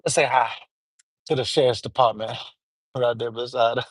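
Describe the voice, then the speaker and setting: A young Southern-accented man from Alabama rambles casually to his live-stream viewers, calling them "gang," while on the road and in a store. His husky voice sits mid-range with fairly even intonation and a moderate pace, and the recording is dry.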